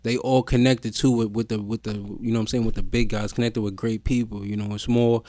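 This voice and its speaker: A man's voice: on the low side, flat delivery, fairly quick, a little mellow, no echo. A young man co-hosting a podcast, telling a long story in casual chat with loose slang. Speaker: podcast co-host.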